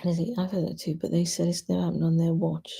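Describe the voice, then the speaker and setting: A woman hosting a casual livestream, thinking aloud and giving opinions informally in a husky, gravelly voice. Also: fairly low pitch, flat delivery, quick pace, dark tone. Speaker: livestream host. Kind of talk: casual chat to live commenters.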